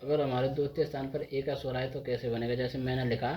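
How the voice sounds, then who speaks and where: A man teaching a shorthand class, explaining each step slowly and answering his own questions as he writes. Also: medium pitch, flat delivery, dark tone. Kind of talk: board lesson explaining step by step.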